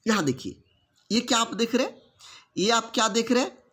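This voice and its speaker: High bright-voiced guy with teaching exam prep, keeps asking the class questions. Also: moderate pace. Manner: lively, asks the class repeated check questions. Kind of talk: online exam-prep lesson.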